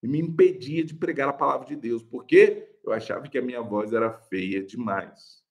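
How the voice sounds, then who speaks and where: In a live online preaching class, a young Brazilian pastor talks with animation and frequent laughter, calling the viewers "gente". His voice is mid-range and creaky, at normal speed. His accent is Brazilian Portuguese.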